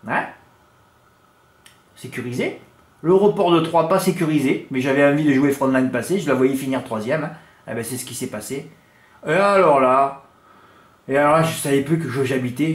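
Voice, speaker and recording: A man giving horse racing tips in a casual monologue, joking crudely and swinging his voice up and down. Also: roomy sound. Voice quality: has a noticeable accent others laugh at. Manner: animated, crude joking, big swings in pitch and loudness.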